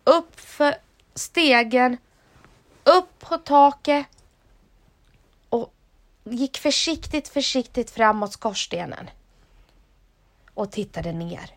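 Storyteller woman, expressive bedtime-story reading, somewhat high pitch. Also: long pauses. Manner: lively, expressive read-aloud.

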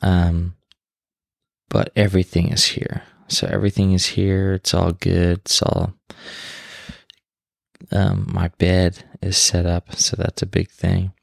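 A man's voice: deep voice, monotone, slow pace, gravelly, long pauses, no echo, clean studio sound. A man hosting a casual solo podcast, talking in a rambling, unscripted, informal way and sounding tired. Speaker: podcast host. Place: bedroom in a new home, on his bed.

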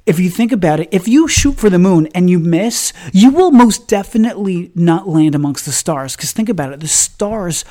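A man's voice: high voice, expressive, moderate pace, hardly any pauses, warm tone. A man hosting a podcast, giving a motivational religious talk with emphatic, repetitive phrasing that builds through stacked lines.

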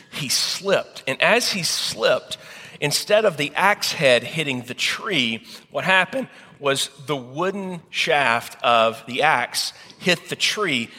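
A man preaching a sermon, retelling a story slowly with dramatic pauses. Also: fairly high pitch, sharp tone, in a large hall.

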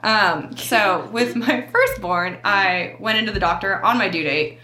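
Bright-voiced young woman telling a story. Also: mid-range voice, a little slow. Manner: animated storyteller who acts out what others said; frequent "like" fillers. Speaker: podcast guest telling her birth story. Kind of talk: casual podcast chat.

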